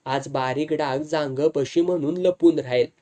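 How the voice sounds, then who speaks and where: Give me a sharp-tongued wife who scolds and insists, with a warm, soft tone, as a storyteller puts her on. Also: medium pitch, a little slow, natural voice. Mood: insistent. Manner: scolding, insistent, rustic speech. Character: sharp-tongued village wife, worried for family.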